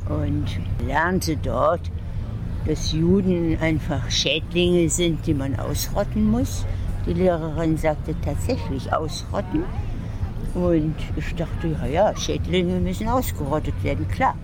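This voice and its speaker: A woman in her nineties giving a calm, reflective account of her childhood as an eyewitness, recorded outdoors at a rally. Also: low-pitched, slow pace, noisy background. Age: 90s. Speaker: eyewitness interviewee. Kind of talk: personal testimony.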